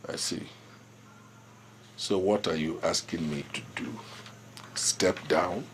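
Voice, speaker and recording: An actor playing a proud, stubborn older village king with a Nigerian accent, speaking in measured, authoritative lines and quoting proverbs. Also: low-pitched, slight background noise. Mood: lecturing. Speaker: traditional king. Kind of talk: film drama acting.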